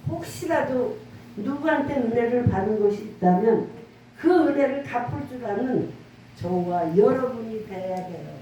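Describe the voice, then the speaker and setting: A woman's voice: a little high, animated, normal speed, dark tone, a little hiss or hum. A middle-aged woman pastor preaching a sermon in earnest, conversational tones, often drawing responses from her congregation. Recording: roomy, echoey church room from far off.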